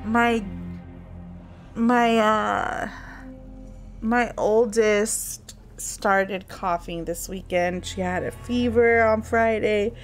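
A woman in her thirties chats her way through a game stream in a slightly high voice. She talks slowly, wandering between thoughts and breaking off mid-sentence to start again. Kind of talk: casual gameplay chat.

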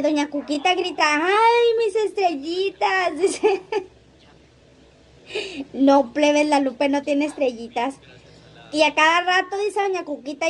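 A high-voiced woman hosts a livestream, chatting casually, laughing often, and reading viewer comments aloud.

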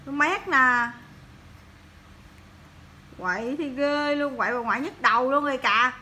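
A woman coos and coaxes her infant with sing-song baby talk. Her voice sits very high and sounds bright. A faint hiss of noise runs underneath. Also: unhurried. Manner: coaxing, cooing, sing-song questions. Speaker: mother.

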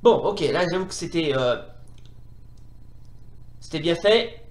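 A man commentating excitably as he plays a retro fighting game, often exclaiming and repeating himself. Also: fairly high pitch, slow pace, reverberant. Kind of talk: playing while commentating.

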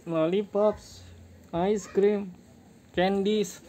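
A woman's voice: medium pitch, fairly even intonation, extremely slow, dark tone. A woman filming a toy show-and-tell vlog, exclaiming "wow" as she names each toy in short bursts. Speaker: toy unboxing vlogger. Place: indoors on a tiled floor. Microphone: phone camera held over toys. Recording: noisy phone recording.

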